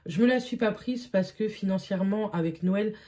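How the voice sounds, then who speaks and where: A young woman talks through her vlog in a loose, chatty way. She fills pauses with hesitations and repeats words as she goes. Her voice is mellow and relaxed, sitting at a middle pitch. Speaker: beauty vlogger. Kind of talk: casual vlog chat.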